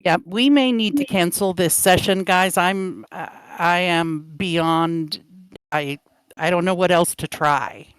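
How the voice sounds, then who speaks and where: A man running a tabletop game over voice chat, with a fairly high, smooth and resonant voice. He talks hesitantly, apologizes often and fills pauses with ums. The sound is close and dry, with no room around it. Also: a bit bright, no echo. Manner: hesitant, apologetic, full of fillers. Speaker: dungeon master. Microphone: voice chat microphone.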